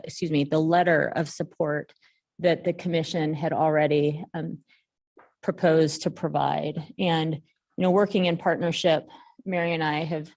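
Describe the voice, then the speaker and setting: A woman's voice: fairly low pitch, a little mellow. A woman mayor chairing a joint public meeting in a city hall meeting room, in a conversational way with frequent ums.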